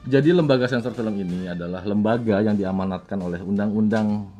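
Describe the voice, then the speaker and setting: A man calls in as a radio guest and official, relaxed and chatty. His voice is low. Music is clearly heard behind him. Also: brisk. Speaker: guest, film censorship official.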